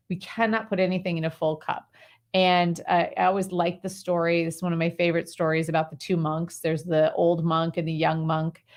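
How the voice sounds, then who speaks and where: A woman guest giving advice in an interview conversation. She speaks as an animated, breezy storyteller and often uses fillers like "like" and "right". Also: on the low side. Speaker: clarity coach guest.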